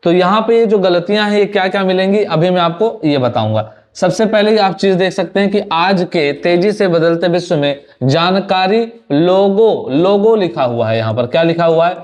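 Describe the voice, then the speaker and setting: A young man with a slightly higher voice runs through a student's exam answers. He speaks Hindi in a loose, conversational way and often repeats a word. English phrases keep turning up in his speech. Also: animated, a little fast, few pauses, darkish tone. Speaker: exam prep teacher. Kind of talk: Hindi lesson reviewing an answer sheet.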